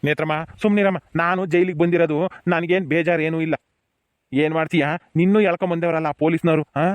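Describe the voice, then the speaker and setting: A proud old village headman, played by a man with a rural Tumakuru Kannada accent, who keeps hushing and comforting his granddaughter. His voice sits fairly high and the words come quickly. The recording is dry and close. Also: steady tone, no room sound, lightly acted. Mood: consoling. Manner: soothing, pleading, repeats hush phrases. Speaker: jailed grandfather. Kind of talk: village family drama acting.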